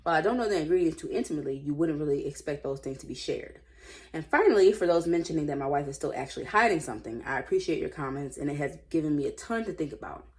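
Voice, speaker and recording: A woman hosts a read-aloud of Reddit stories in a casual way, stopping for playful, slangy reactions made up on the spot. Her voice sits low and is a little mellow, expressive, and quick in pace.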